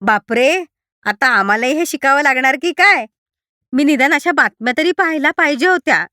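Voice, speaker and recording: A sharp-tongued older mother-in-law mutters and scolds without pause, voiced by a woman reading the story. Her complaints come high-pitched and grumbling. The recording is dry and close. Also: expressive, dry recording. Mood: wry.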